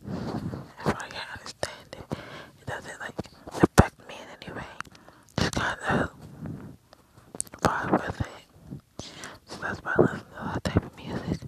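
A woman's voice: a little slow, long pauses, poor audio. A teenage girl whispering a rambling first podcast episode, mouth right next to her headset mic. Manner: rambling, giggly filler-heavy whisper. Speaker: podcast host. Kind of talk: whispered ASMR-style chat. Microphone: headphones with mic right at mouth.

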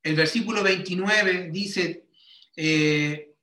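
A man preaching a sermon as a teaching, measured and explaining, often checking with his listeners whether they follow. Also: sits high, pushed and bright. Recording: roomy echo.

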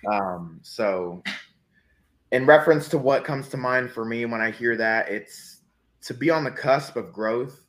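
A man's voice: medium pitch, measured pace, fairly bright tone. A man in his twenties, a guest on a casual podcast, rambling and joking in a self-deprecating way. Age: 20s.

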